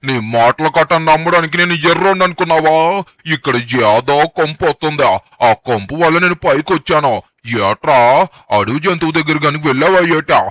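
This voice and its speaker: A man's voice: fairly high pitch, brisk, fairly bright tone, no echo, lightly acted. A man voicing a nosy, suspicious dog who fancies himself a detective, talking in a nagging, bossy way. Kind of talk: gameplay story voice-over.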